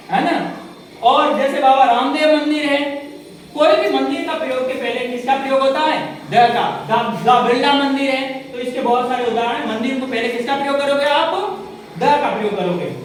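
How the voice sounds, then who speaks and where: A woman teaching a grammar lesson, asking questions and answering them herself while repeating example words slowly. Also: high-pitched, a little hiss or hum. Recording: echoey room, distant mic, faint background.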